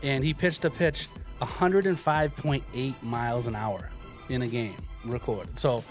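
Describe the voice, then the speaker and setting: A man's voice: mid-range voice, a little slow, faint music behind. A man hosting a sports podcast in casual, jokey, informal banter.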